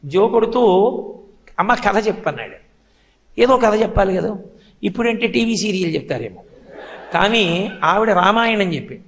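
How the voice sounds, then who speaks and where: A man's voice: sits high, lively intonation, normal speed, fairly bright tone. A man giving a devotional storytelling discourse, telling tales animatedly and chanting verses. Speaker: spiritual discourse speaker. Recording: long hall reverb.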